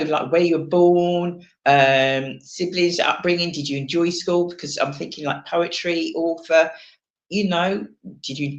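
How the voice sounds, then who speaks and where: A woman's voice: sits low, roomy sound. A woman hosting a chat show, asking questions in a rambling, chatty way with many restarts over a video call. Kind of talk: casual interview chat.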